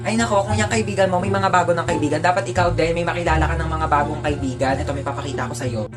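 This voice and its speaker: A woman performing comedy sketches, switching quickly between everyday characters and often breaking into loud exclamations. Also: sits low, fairly even intonation. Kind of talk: comedic skits playing several everyday characters. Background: music.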